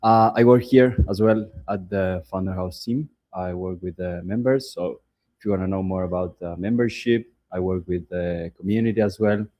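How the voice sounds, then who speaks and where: A man's voice: deep voice, normal speed, dark tone. A man from Argentina introducing himself as a community team member, friendly and welcoming. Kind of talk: self-introduction.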